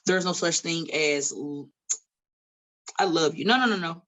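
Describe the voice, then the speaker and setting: On this low-quality recording, a woman in her late thirties speaks at a measured pace, her low voice carrying a slight brightness. She's an independent wrestler guesting on a podcast at a studio table, casually chatting in a blunt, profane way with occasional preachy tangents.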